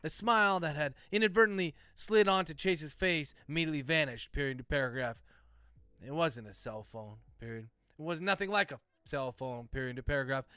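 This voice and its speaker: A man reading story text aloud as dictation, speaking each comma and paragraph break in a steady cadence. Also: on the high side, clean tone, dry recording, studio quality. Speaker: narrator dictating a novel.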